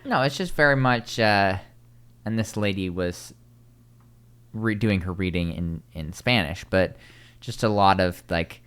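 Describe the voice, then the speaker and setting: A man hosting a casual podcast, rambling with quick asides and restarts. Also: low-pitched, fairly bright tone, clean tone. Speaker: podcast host.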